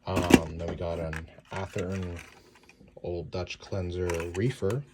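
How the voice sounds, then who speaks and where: Man, very low voice, unhurried, halting casual unboxing talk, slightly worn voice, loud noise and crinkling behind. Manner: relaxed, halting, many ums and uhs. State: slightly losing his voice. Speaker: model train hobbyist.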